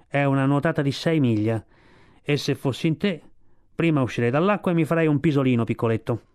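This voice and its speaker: A man voicing a calm, wise old male sea lion in a storybook, giving unhurried advice. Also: medium pitch, close to an everyday voice.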